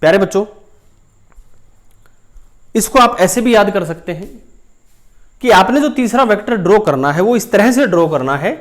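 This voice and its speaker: A man's voice: high-pitched, lively intonation, moderate pace, pauses often. A man teaching a physics lesson, explaining step by step while drawing and calling his students dear children. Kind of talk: whiteboard lesson.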